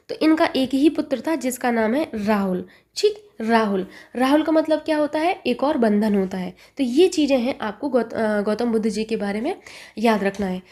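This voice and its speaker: A woman teaches an exam-prep lesson with a warm, mellow tone and a fairly high pitch. She asks a short question, answers it herself, and repeats the key word so it sticks. She talks close to the mic. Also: lively intonation, moderate pace.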